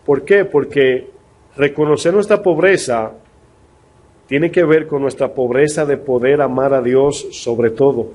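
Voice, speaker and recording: With a somewhat high, darkish voice, this pastor delivers his sermon in a conversational style. He asks rhetorical questions and reads scripture with slow deliberation.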